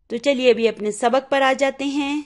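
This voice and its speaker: A woman whose first language is Urdu gives an Arabic grammar lesson in a slightly high voice. She explains each point step by step and keeps checking that her students are following. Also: steady tone. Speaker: Arabic teacher.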